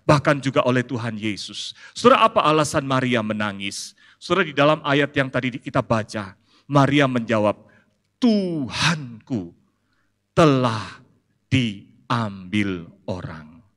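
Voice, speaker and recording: A man preaching a sermon as pastor, animated and playful, swinging between high emphatic peaks and soft asides. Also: brisk. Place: large church hall. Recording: long hall reverb.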